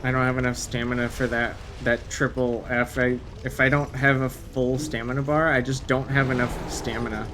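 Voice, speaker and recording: Against a noisy background, this live-streamer talks at a moderate pace with hardly any pauses, his mid-range voice showing little pitch movement. French is his first language, and his casual gameplay chat with viewers is punctuated by swearing and abrupt exclamations.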